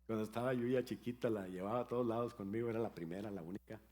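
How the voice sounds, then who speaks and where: A man's voice: on the low side, quick pace, darkish tone. An older man, a pastor, preaching a sermon in a storytelling way with playful asides about his grandchildren.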